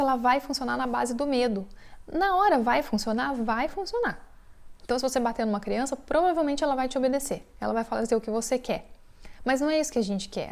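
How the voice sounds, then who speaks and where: A woman's voice: on the high side, a little mellow. A young adult woman with a Brazilian Portuguese accent, teaching a parenting lesson in a casual, conversational way and often acting out quotes. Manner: conversational, with frequent tag questions and acted-out quotes. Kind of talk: casual spoken lesson to mothers.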